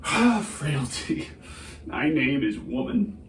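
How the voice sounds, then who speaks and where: Playing a bitter, grief-stricken prince, a man delivers a Shakespearean soliloquy in a halting, declamatory style, swinging between quiet brooding and anguished cries. His mid-range voice moves through big pitch swings, and the mood is bitter grief. The recording is roomy and distant, with faint noise.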